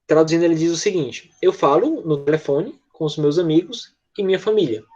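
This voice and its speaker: In an online English class, a male teacher with a Brazilian accent drills pupils patiently through repetition, regularly checking in with short tag questions. The pitch is fairly high and the tone dark, with the highs cut off.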